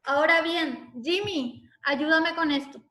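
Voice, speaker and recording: Woman teacher, patient step-by-step explainer, high voice, echoey room. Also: takes it slowly, bright, forceful tone. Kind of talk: online class explanation.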